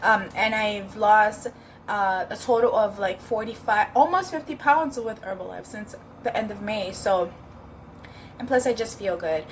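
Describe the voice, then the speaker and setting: A woman's voice: mid-range voice, unhurried, slight background noise. A woman chatting casually in a home cooking vlog, upbeat and rambling with fillers, at times talking while she eats. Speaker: vlogger.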